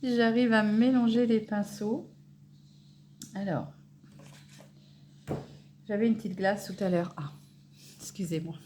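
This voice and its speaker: Pausing often, a woman speaks slowly through a makeup tutorial in a dark-toned, medium-pitched voice with fairly even intonation, over slight background noise. As a beauty vlogger she stays casual and natural, narrating each step while stammering and correcting herself.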